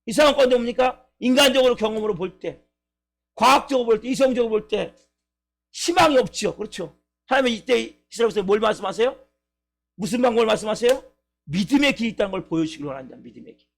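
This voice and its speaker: High-voiced man preaching emphatically. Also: expressive, fast, vocal fry. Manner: emphatic, fires rhetorical questions at the congregation. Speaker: pastor. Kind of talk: live sermon. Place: church service.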